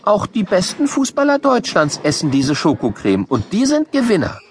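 A man's voice: high-pitched, huge pitch swings, moderate pace, heavy background noise, pitched below the performer's own voice. A man voicing a stubborn young schoolgirl in a children's audiobook, earnest and insistent. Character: stubborn schoolgirl who believes TV ads.

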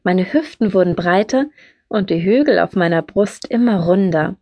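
A woman reading an audiobook in first person, in a lively storytelling manner on a close studio mic. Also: normal speed, dry recording. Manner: lively storytelling, rises in pitch for quoted speech. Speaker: audiobook narrator. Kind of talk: scripted first-person narration.

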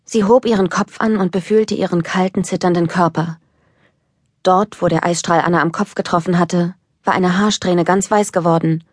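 A woman narrating a children's audiobook in a calm, even storytelling manner, recorded close in a studio. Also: lowish voice, normal speed, no room sound.

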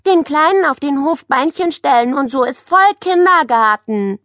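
Woman voicing blunt schoolboy, matter-of-fact, raised pitch, storybook. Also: expressive, moderate pace, a bit bright, no echo, studio quality. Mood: annoyed. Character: young schoolboy, frank and fed up.

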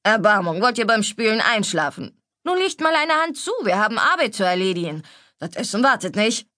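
A woman voicing a stout, older female cook who is bossy but motherly, fussing and scolding warmly. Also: mid-range voice, sing-song, a little fast, dry recording, clean studio sound.

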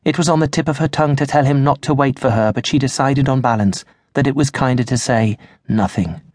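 A man narrating a children's audiobook in a measured, expressive way on a close studio mic. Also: medium pitch, no echo. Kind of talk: scripted narration.

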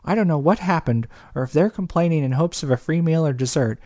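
A man's voice: a little high, fast talker, dark tone, no room sound, pitched above the performer's own voice, natural voice. A man narrator voicing a harried young woman restaurant manager who speaks in terse, clipped commands. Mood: impatient.

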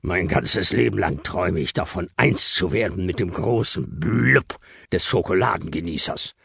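A man voicing a self-satisfied, dreamy male chocolate Santa who talks slowly and pompously. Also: low-pitched, lively intonation, vocal fry, fairly bright tone, slightly rough, no room sound, studio quality, heavily acted.

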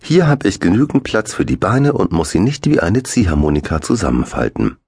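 A man voicing a naive, timid seven-year-old boy in a storybook reading, raising his voice high and talking eagerly. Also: big pitch swings, brisk, gravelly, a little mellow, husky, no echo, clean studio sound, heavily acted.

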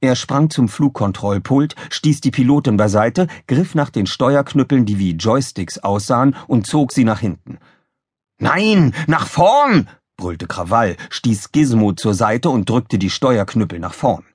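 A man narrating a children's audiobook in a lively, expressive reading, close to a studio mic. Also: medium pitch, moderate pace, hardly any pauses, breathy edge, no room sound. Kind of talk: scripted children's story narration. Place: recording studio.

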